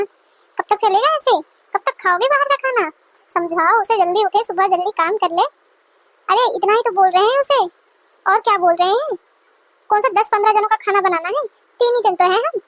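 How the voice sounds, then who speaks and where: A woman voicing a nagging, quick-tempered middle-aged mother-in-law who scolds sarcastically, in a dry close recording. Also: extremely high pitch, fairly bright tone, dry recording. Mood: scolding.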